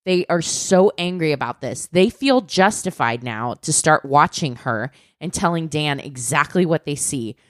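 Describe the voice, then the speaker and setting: A woman's voice: low voice, unhurried, few pauses, no echo, studio quality. A woman co-hosting a casual podcast, telling a true crime story with lots of "like" and the odd swear word. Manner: animated, swearing, fillers like "like".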